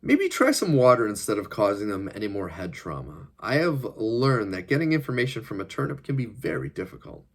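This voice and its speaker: A man's voice: lowish voice, wildly swooping pitch, full character voice. A man reading a coolly menacing agent. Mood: cold menace. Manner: formal, measured, coolly threatening. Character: cold, polite, menacing male government agent.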